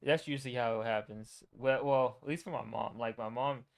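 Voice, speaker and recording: A man's voice: mid-range voice, steady tone, moderate pace, creaky. A young man casually reacting to his own old videos, teasing and talking to himself. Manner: wry, teasing, talks to himself.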